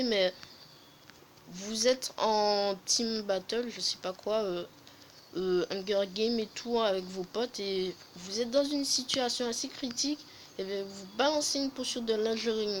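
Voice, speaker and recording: A woman's voice: mid-range voice, a little hiss or hum, low-quality recording. A woman hosting a casual game update review, hesitant, with many fillers and self-corrections and jokey self-mocking asides. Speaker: gaming video host.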